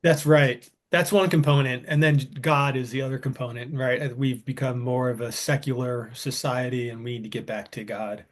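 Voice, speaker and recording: A man's voice: medium pitch, fairly even intonation, moderate pace, hardly any pauses. A man in his thirties, co-hosting a podcast in casual chat, rambling and enthusiastic with frequent restarts. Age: 30s. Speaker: podcast co-host.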